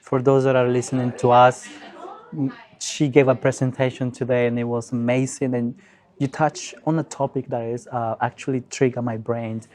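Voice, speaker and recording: A man of middle pitch hosts an interview. He asks his questions loosely and informally, with plenty of "you know" and "um" along the way. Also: level tone, moderate pace, darkish tone. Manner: casual, with fillers like "you know" and "um". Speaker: interviewer, host. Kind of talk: conversational interview.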